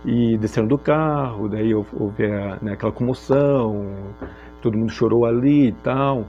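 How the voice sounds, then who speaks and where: A man from Brazil sharing a personal testimony in a reflective, halting way with frequent filler pauses. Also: medium pitch, dull audio, soft background music. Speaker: speaker sharing a personal story.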